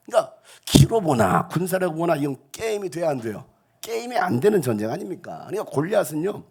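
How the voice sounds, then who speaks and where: A male pastor delivers an animated sermon in a church sanctuary. His voice sits a bit high for a man and sounds husky, and he keeps breaking into acted, gruff bits of street talk. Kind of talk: lively sermon with acted quotes.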